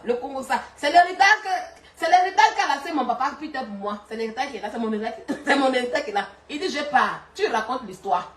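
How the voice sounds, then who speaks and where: A woman co-hosting a comedy show, reacting with laughter and mock wailing. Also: high-pitched. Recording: echoey room from far off.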